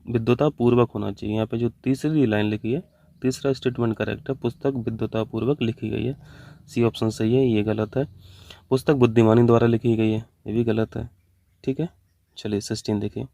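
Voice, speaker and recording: A man's voice: mid-range voice, warm tone. A man teaching an online exam-prep lesson, working through answer options step by step and mixing English terms into his explanations. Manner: mixes English terms into Hindi. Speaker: Hindi teacher.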